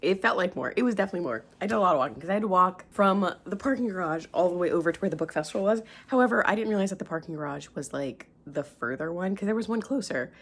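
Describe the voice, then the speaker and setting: A woman's voice: lowish voice, animated, fast, hardly any pauses. A young woman vlogging in casual chat, gushing and chatty with lots of filler words.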